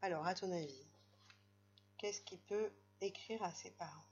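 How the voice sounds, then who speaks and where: Woman, French accent, primary teacher, very slow patient delivery, muffled lo-fi sound. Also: on the low side, soft background music. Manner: slow, gentle, patient, addresses the child directly. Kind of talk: recorded reading lesson for children at home.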